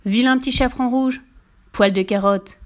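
A woman voicing a tough, mocking boy who leads a gang, loud and jeering, in a storybook reading. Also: on the high side, normal speed, lightly acted.

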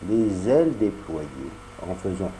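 A man narrating a storybook aloud in a measured, expressive reading. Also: deep voice, slight background noise, low-quality recording. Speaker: audiobook narrator.

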